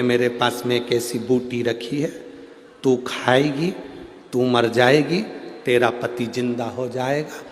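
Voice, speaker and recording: A man giving a devotional storytelling sermon at a large religious gathering, acting out the people in a folksy parable and swinging from loud to hushed. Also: medium pitch. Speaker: preacher. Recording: long hall reverb.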